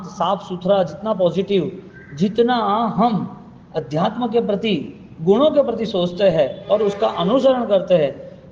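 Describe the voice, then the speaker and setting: A man's voice: sits high, darkish tone, in a large hall, muffled recording, slight background noise. A man giving a sermon as a Jain preacher, asking repeated questions and telling stories to make his point. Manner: questioning, repetitive, storytelling delivery.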